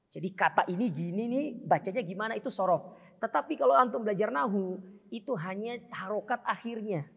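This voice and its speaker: Gravelly preacher in a hall. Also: male voice, sits high. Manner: joking, conversational teaching with Arabic terms. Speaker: Islamic preacher. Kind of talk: religious study lecture. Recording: dull, reverberant hall recording.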